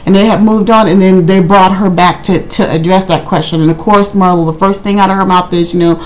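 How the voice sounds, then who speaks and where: A woman vlogger recaps reality TV in a casual, rambling review, talking fairly quickly in a mid-range, fairly even voice and breaking into acted quotes as she addresses viewers. Slight background noise can be heard.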